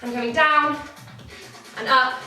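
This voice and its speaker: A young woman teaching an online dance warm-up class, encouraging and counting beats, a little out of breath. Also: high voice, fairly even intonation, measured pace. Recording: echoey room, distant from mic, faint music.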